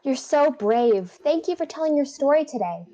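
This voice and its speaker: A woman's voice: sits high, expressive, moderate pace, dark tone. A woman playing a gracious, polite 1940s wartime radio hostess doing scripted interviews, with slightly dull sound.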